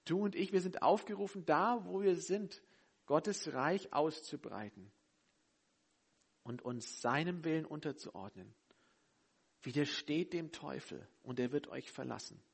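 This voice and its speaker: A man preaching a sermon, emphatic and direct, swinging between loud urgency and quiet intensity. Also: on the high side, animated, unhurried, creaky, husky.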